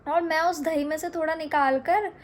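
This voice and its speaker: A young woman from India recounting a dream in a chatty, halting way, with many fillers and restarts. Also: high-pitched, steady tone. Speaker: storyteller. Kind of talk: casual storytelling.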